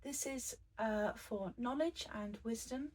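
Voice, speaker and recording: A woman, croaky after a virus, teaches an embroidery craft tutorial in a chatty, meandering way, with many fillers and restarts. Her husky voice is a little high with a darkish tone, and she speaks slowly.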